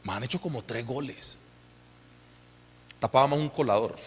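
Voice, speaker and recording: A man in his thirties with a Colombian accent, preaching a sermon in an animated, conversational way and putting questions to the congregation. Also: mid-range voice, normal speed, slightly rough. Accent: Colombian Spanish. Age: 30s. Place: church. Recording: long reverb of a church hall.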